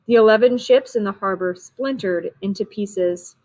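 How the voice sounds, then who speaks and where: A woman's voice: mid-range voice, moderate pace, darkish tone, muffled recording. Woman reading a storybook aloud. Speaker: reader.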